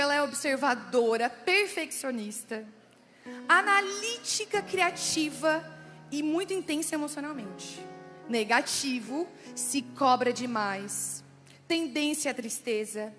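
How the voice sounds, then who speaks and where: A woman with a Brazilian Portuguese accent preaching to a women's church audience, chatty and animated, speaking straight to the crowd. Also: high-pitched, unhurried, in a large hall, soft background music. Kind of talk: lively church talk to women.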